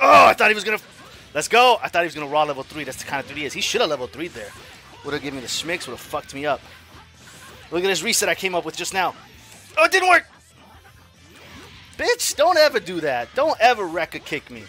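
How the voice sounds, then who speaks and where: A man giving live commentary on his own fighting game match, excitable, swearing and trash-talking. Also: fairly high pitch, fast, slightly rough, soft background music. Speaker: gaming streamer.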